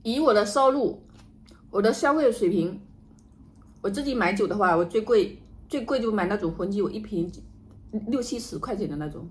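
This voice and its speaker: A woman chatting casually to camera while she eats and drinks, musing in an unhurried way with murmured asides. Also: mid-range voice, expressive. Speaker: vlogger doing an eating and drinking livestream. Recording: noticeable background noise, home ambience.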